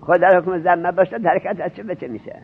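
A man's voice: sits high, steady tone, gravelly, a crowd in the background. A man teaching a seminary grammar class, questioning and drilling his students as he explains. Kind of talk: Arabic grammar lesson in Persian. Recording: tinny lo-fi narrowband recording.

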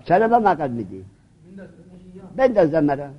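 Teacher, male, high pitch, drills and prods students through a grammar lesson; dull lo-fi recording. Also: wildly swooping pitch.

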